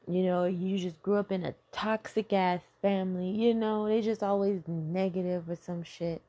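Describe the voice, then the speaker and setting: A woman's voice: medium pitch, fairly even intonation, normal speed, warm tone, dull audio. A woman and mother talking candidly and bluntly about her childhood and parenting, swearing freely in a conversational way. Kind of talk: candid personal talk on self-healing.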